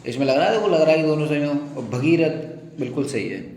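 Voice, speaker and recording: Male teacher, exam quiz lesson, raised pitch, echoey room with long reverb. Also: expressive, darkish tone. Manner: explains, repeats words slowly, asks listener.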